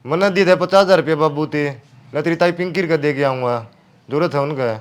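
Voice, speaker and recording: An actor playing a grown village son who speaks in a worried, pleading way with a Haryanvi accent. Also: male voice, a little high, fairly quick, clean tone, close to an everyday voice.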